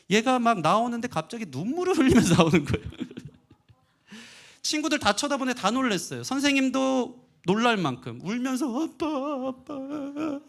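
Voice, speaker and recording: A middle-aged man preaching a sermon as pastor, telling a family story with lively acted-out quotes. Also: on the high side. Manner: animated storytelling, acting out quoted voices.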